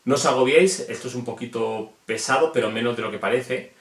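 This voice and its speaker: A man's voice: medium pitch, brisk. A man from Spain with a Spanish accent, chatting casually and self-deprecatingly as he explains something to viewers in a video. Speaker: reptile hobbyist explaining names. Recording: echoey room.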